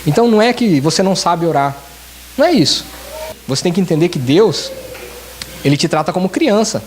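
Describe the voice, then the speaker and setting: A man's voice: sits high, expressive, brisk, a little mellow, a little hiss or hum. A man, a church elder, preaching a sermon and pleading earnestly with the congregation, often repeating key phrases. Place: church service in Japan.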